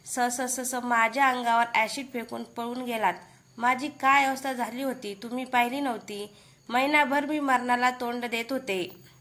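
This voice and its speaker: A woman's voice: a little high, steady tone, normal speed, fairly bright tone, close to an everyday voice. A woman voicing the vengeful spirit of a burned young woman, who speaks through a young man in a stuttering, menacing way.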